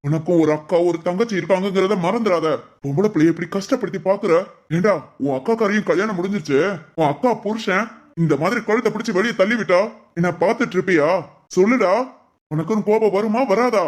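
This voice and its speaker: A stern, righteous father-in-law in a family cartoon, voiced by a man. He lectures indignantly in a rather high voice. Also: fast talker, close to an everyday voice. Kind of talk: cartoon voice acting.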